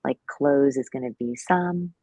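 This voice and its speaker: A woman with a low, mellow voice talks through a live language lesson in a relaxed, chatty way. She fills her speech with "um" and "like" and laughs at herself now and then. The sound is dry and close. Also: unhurried, breathy edge, no echo. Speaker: Cantonese teacher co-hosting a live lesson. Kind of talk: casual live-stream teaching chat.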